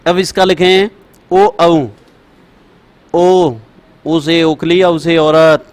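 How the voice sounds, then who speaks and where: A man teaching Sanskrit to students, repeating rules slowly for dictation and calling his students brother and child. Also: a little high, fairly even intonation. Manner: repetitive, chanting rules for dictation. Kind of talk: classroom lecture.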